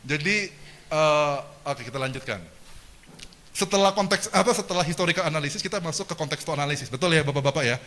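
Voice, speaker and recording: Guy teaching a seminar, bright forceful voice, fairly high, keeps throwing questions at the crowd, faint hiss behind. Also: fast. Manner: animated, engages the audience with questions and jokes. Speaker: seminar lecturer. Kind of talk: lively seminar lecture. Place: lecture hall.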